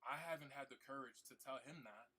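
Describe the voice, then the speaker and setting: A man's voice: medium pitch, fairly quick, sharp tone, slightly rough. A man streaming a game who talks earnestly and emotionally to his viewers, repeating himself, using casual slang and swearing, and trying not to cry. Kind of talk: heartfelt talk to stream viewers.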